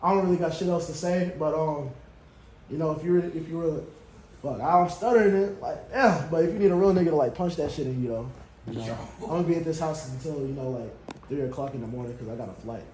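A man's voice: a little high, quick pace, a little mellow. A man chatting as a contestant in a dating game, crude and flirty with laid-back slang. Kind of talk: casual chat. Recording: echoey room with background noise.

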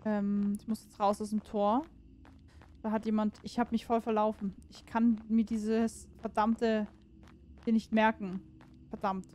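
A woman's voice: mid-range voice, level tone, slow pace, long pauses, a little mellow. A woman giving casual let's-play commentary on a horror game, chatting to herself and viewers, cursing and exclaiming when something startles her. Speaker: gaming streamer.

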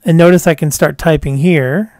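A man narrates a screencast voice-over for a software tutorial, walking through it step by step in a calm, explanatory way and tossing in a casual "cool" between steps. His voice is a little high at normal speed, and the studio-quality recording is dry.

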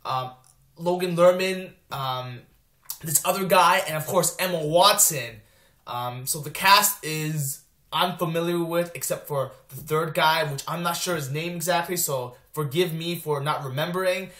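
This young man has a fairly high, fairly bright voice and speaks at a measured pace, and the sound is roomy. He's casually reviewing a movie trailer for his vlog, rambling along with lots of ums and restarts.

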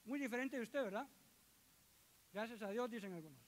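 A man's voice: extremely high pitch, animated, fairly quick. A middle-aged man, preaching a sermon to his congregation as a church elder, joking with the listeners and acting out quoted voices.

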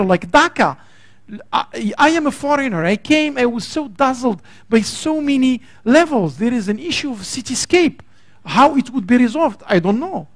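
Impassioned high-voiced male lecturer. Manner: impassioned, searching for words with many restarts. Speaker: guest lecturer. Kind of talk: academic lecture. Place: lecture hall.

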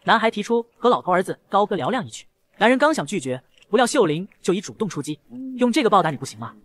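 A man's voice: high-pitched, dry recording. A man narrating a comic recap at speed, reading every character's lines himself. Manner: rapid, lively, voices both lovers in dialogue. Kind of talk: fast scripted story narration with acted dialogue.

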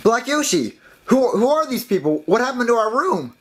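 A whiny, put-upon cartoon plumber, voiced by a man, complains in a high voice and says the same thing over and over. He sounds close to tears in this puppet comedy. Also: very animated, normal speed, heavily acted. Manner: whining, repeats himself, breaks into crying.

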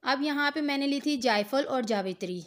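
A middle-aged woman walks the viewer through a home recipe one step at a time. Her voice sits a little high, and her tone stays patient and instructive. She speaks straight to the listener as a cooking host. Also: animated, moderate pace. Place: home kitchen.

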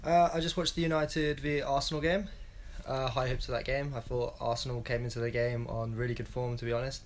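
A young man in his twenties records a blunt, rambling football opinion vlog alone in a small room at home, speaking into a wired earphone mic. His voice sits at medium pitch with a flat delivery and a fairly quick pace, over slight background noise.

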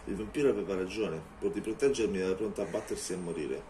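A man reading an audiobook in steady, measured narration. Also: low-pitched, slight background noise.

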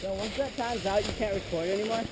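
A man hiking in a forest, chatting in short, blunt, deadpan remarks to the man filming. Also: sits high, quick pace, slight background noise, rough recording. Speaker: hiking companion. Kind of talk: casual chat while hiking. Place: forest hillside outdoors.

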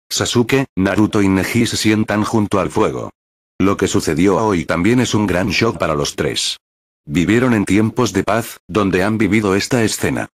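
A man narrating a web novel in a steady, even reading. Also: deep voice.

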